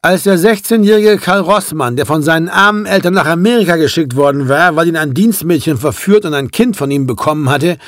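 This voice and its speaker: A man's voice: a little high, brisk, hardly any pauses, no room sound, studio quality. Man reading a classic novel aloud. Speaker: audiobook narrator. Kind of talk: scripted literary narration.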